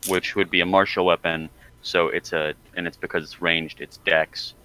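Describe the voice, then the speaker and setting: A man's voice: deep voice, level tone, moderate pace, pushed and bright, rough recording. A man playing a cleric in a tabletop game, chatting casually, eager and joking. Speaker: player, cleric.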